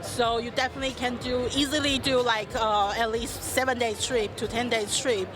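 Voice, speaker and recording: A woman from Taiwan with a Taiwanese accent, speaking earnestly as a tourism guest and filling pauses with frequent uhs. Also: a little high, fairly even intonation, crowd noise. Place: busy travel expo hall. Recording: noisy expo floor with music.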